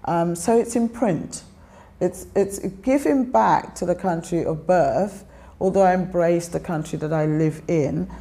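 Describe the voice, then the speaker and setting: An older woman from Guyana with a Guyanese accent, reflecting in a documentary interview, pausing and restarting often. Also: fairly low pitch, mellow. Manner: reflective, many pauses and restarts.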